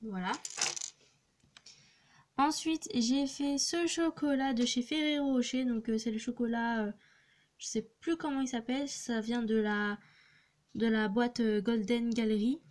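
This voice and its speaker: A woman's voice: a little high, steady tone, a little slow, pauses often, a little mellow. Hesitant young girl showing her crafts. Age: young teen. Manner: hesitant, many fillers and restarts. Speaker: craft vlogger. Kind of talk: casual show-and-tell narration. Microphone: phone.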